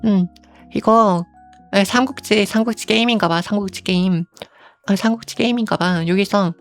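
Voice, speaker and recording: A woman streaming as a virtual creator, chatting casually and unhurriedly, filling pauses with soft hums and speaking of herself in the third person. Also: mid-range voice, soft background music.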